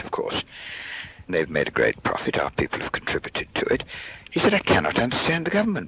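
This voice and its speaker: A middle-aged man dictating his diary in measured, dated entries with uh and um pauses, heard from a worn tape copy. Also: low-pitched, a bit bright. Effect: worn tape copy, muffled with hiss. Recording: muffled old cassette tape with hiss.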